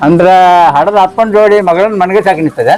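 A man's voice: sits high, fairly quick, darkish tone, faint music behind, close to an everyday voice. A man playing a stern old grandfather in a village skit, speaking bluntly with a North Karnataka Kannada accent. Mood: confronting. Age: older. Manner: blunt, confronting.

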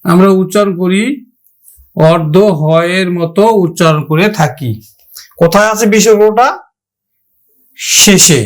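Speaking high, a male teacher from Bangladesh works through a lesson at a slow, deliberate pace, stretching out and repeating his example words.

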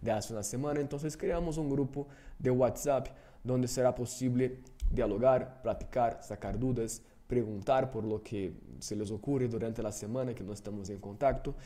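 Teaching a live online workshop, this Portuguese-native instructor speaks at normal speed in a mellow, mid-range voice. His lecture rambles, with frequent self-corrections and "¿no?" tags.

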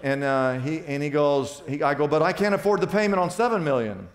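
Male pastor, lively sermon storyteller, slightly high voice, long church-hall reverb. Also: a little fast. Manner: animated storyteller, rises to loud excited peaks.

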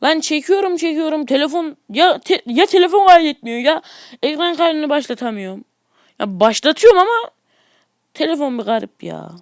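Male gaming YouTuber, high voice, dry close sound; loose, excitable play-by-play with grumbling asides. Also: normal speed, no room sound. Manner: excitable, grumbling at the game, chatty asides to viewers. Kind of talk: casual mobile gameplay commentary.

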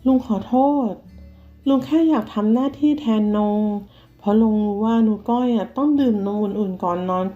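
A woman voicing a kind, soft-spoken middle-aged stepfather who talks gently and slowly, with faint music behind. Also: high-pitched, lightly acted. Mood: gentle. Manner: gentle, apologetic, slow. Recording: slightly dull, faint music.

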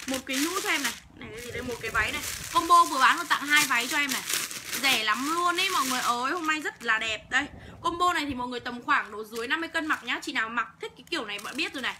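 A woman's voice: sits high, racing, noisy background. A young woman hosting a livestream to sell clothes, talking bluntly and hawking with heavy cursing. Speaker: online clothes seller. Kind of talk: livestream sales pitch.

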